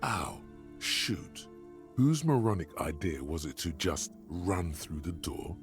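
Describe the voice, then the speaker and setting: An actor narrating a detective video game in the second person, wry and commanding, like an inner voice. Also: male voice, low voice, sing-song, takes it slowly, soft background music, heavily acted.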